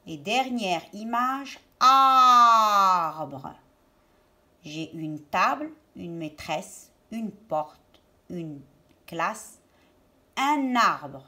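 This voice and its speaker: Speaking in a lowish voice that sounds pushed and bright, a woman leads a reading lesson for young children, carefully stressing and repeating each word at a slow pace.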